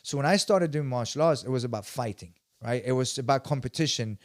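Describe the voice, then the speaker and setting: A Swedish martial arts instructor in his forties tells his story as a podcast guest in a casual interview. His mid-range voice moves fairly quickly in emphatic bursts, and he often restarts his sentences. The studio sound is clean, with no echo.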